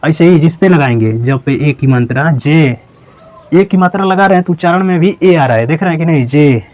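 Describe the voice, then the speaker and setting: A man teaching a slow, step-by-step lesson, patiently repeating each syllable and checking that viewers follow. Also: a little high, a little mellow. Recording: dull lo-fi sound.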